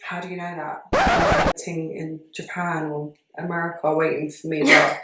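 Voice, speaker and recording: A woman's voice: low voice, wildly swooping pitch, a little slow, a bit bright, soft background music. A woman with a British accent co-hosting a YouTube chat, reacting to confessions in a blunt, opinionated and very sweary way. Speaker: YouTube co-host. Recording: echoey room.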